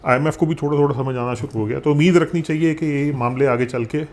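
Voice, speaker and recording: Pakistani urdu-accent guy breaking down economics, casual and animated, mixing in english. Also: fairly high pitch, fast. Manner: animated, mixes English phrases, frequent fillers. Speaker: economics commentator. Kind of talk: conversational explainer.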